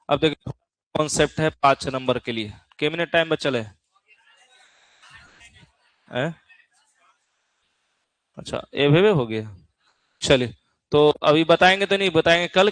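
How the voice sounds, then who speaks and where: With no room sound at all, this clip captures a middle-aged Bihari man leading a physics class for exam preparation. His voice runs on the high side and a bit bright, and his homely manner includes regular check-ins with the students.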